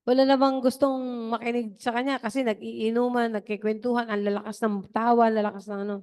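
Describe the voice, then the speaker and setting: Smooth-voiced woman preacher. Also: on the high side, level tone, fast, darkish tone. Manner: digressive, chatty storytelling. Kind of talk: testimony during an online worship service.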